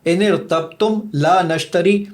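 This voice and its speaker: A man who made an app, demonstrating it eagerly as a podcast guest and mixing English phrases into his speech. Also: sits high. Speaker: app creator giving a demo.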